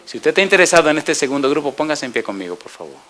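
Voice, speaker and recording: A male pastor preaching a sermon, building to fervent peaks and dropping to a hush for the altar call and prayer. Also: on the high side, big pitch swings, racing.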